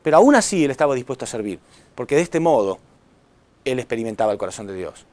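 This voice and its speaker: A man preaching a sermon to a congregation, impassioned, swinging between loud appeals and hushed words, often asking the audience questions. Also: medium pitch, big pitch swings, fast, dry recording. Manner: addresses audience with rhetorical questions.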